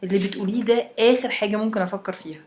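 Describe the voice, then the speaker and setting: Woman reader doing a teasing young friend, curious, higher and brighter, quick, audio story. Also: fairly even intonation, a little hiss or hum, lightly acted. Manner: eager questioning, raised pitch.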